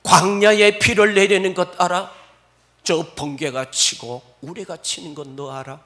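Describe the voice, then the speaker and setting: God as a stern, probing questioner, voiced by a male preacher, high and bright, firing sharp questions. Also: fairly even intonation, measured pace. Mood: questioning.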